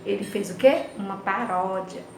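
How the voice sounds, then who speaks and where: A woman's voice: medium pitch, moderate pace, reverberant, a little hiss or hum, rough recording. A woman teacher with a Brazilian Portuguese accent, going through a lesson for her class and singing bits of nursery rhymes between the explanations. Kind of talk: recorded remote class lesson.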